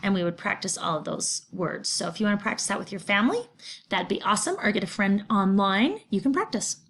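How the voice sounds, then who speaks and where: A woman's voice: mid-range voice, animated, brisk, a bit bright. A middle-aged woman, patiently teaching a recorded Spanish lesson, explaining grammar step by step. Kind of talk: recorded remote class lesson.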